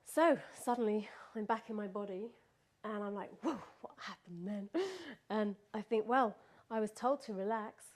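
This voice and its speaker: A woman's voice: mid-range voice, expressive, measured pace, hardly any pauses, a little mellow. A woman recounting a personal experience in casual spoken storytelling, laughing often and restarting her sentences.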